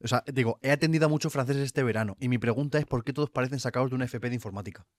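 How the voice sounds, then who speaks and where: A young man from co-hosting a casual podcast, rambling through deadpan musings. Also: medium pitch, rapid-fire, no echo, clean studio sound. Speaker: podcast co-host. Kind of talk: casual chat.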